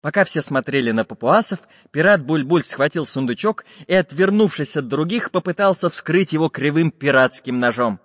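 Brief: playful storybook narrator, male, lively voice, dry but long-tailed sound. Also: fairly high pitch, normal speed, few pauses. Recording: dull lo-fi with long reverb.

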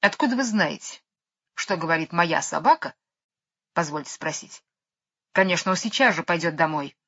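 A woman's voice: moderate pace, fairly bright tone. A woman reading an audiobook voices a fussy, hysterical older lady who wails melodramatically over her dog. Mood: indignant. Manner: shrill, wailing and melodramatic. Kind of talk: audiobook character voice. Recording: dull lo-fi recording.

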